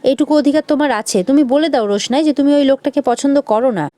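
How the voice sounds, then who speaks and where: A woman's voice: sits high, fast talker, mellow, no room sound, studio quality, pitched above the performer's own voice, close to an everyday voice. A woman reading the lines of a proud, angry young man, in a reproachful, accusing tone.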